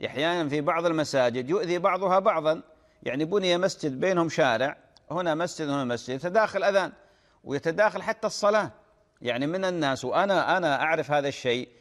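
A man's voice: on the high side, lively intonation, fast, fairly bright tone, in a large hall. A man answering listeners' religious questions on a Q&A program. He explains patiently, repeats phrases and calls the questioner "my dear brother,".

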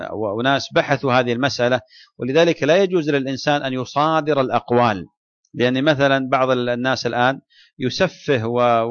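A man, an Islamic scholar, answers questions in a religious lecture at a quick pace. His delivery is deliberate, with frequent restarts. The sound is dry and a little dull. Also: mid-range voice, no echo.

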